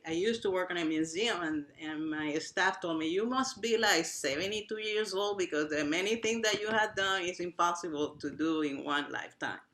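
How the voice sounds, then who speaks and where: A woman from Cuba with a Cuban accent, whose first language is Spanish, speaking animatedly on a virtual panel as a nonprofit director. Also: fairly low pitch. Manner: animated, restarts phrases, uneven pace. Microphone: video call.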